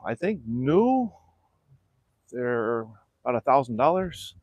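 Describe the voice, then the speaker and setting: Outdoors in his backyard, a middle-aged channel host from South Florida livestreams his small-boat restoration, describing the work in an easygoing, practical manner. He talks slowly at medium pitch, and there's no echo.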